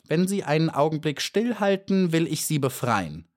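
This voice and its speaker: A man voicing a sly, scheming old female spider in a storybook reading, with a croaky voice and a falsely polite, mocking manner. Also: a little high, sing-song, moderate pace, pitched above the performer's own voice.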